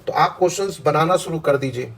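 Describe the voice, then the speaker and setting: A man, teaching an English exam practice lesson, explaining slowly and pausing between points. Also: on the high side, poor audio. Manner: slow deliberate explaining with pauses.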